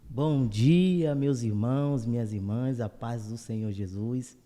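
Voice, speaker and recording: A man, a guest preacher who speaks with warm, grateful greetings. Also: mid-range voice, takes it slowly, long reverb tail. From Salvador, Bahia, Brazil. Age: 20s. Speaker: guest preacher, church elder. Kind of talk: casual interview talk.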